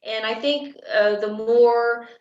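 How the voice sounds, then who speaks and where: A political candidate answers interview questions casually and talkatively, laughing often and calling her own voice loud. She speaks slowly in a steady, higher-pitched voice, and the lo-fi recording sounds echoey and dull.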